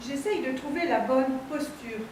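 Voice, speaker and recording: A woman's voice: high voice, normal speed, natural voice. An actress playing a sleepless, tentative woman asking odd questions. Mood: hesitant. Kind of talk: stage comedy scene. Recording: distant mic in an echoey theatre, loud noise.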